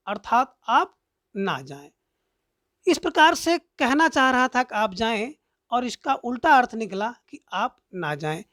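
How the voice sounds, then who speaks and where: A woman teacher explaining a grammar lesson slowly and deliberately, reciting verse examples. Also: a little high, a bit bright, no echo, studio quality.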